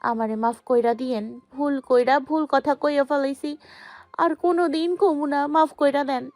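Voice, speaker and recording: Woman as timid young maid, high pitch, music under. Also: steady tone, moderate pace, darkish tone, close to an everyday voice. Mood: pleading. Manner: pleading, timid. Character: frightened young maid girl.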